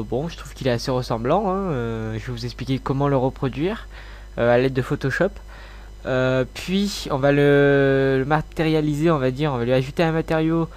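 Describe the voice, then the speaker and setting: Man, stuffy nose, slight cold, medium pitch, hesitant casual tutorial talk. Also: a little mellow. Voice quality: congested, blocked-nose sound. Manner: informal, hesitant, mildly sweary. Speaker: tutorial host.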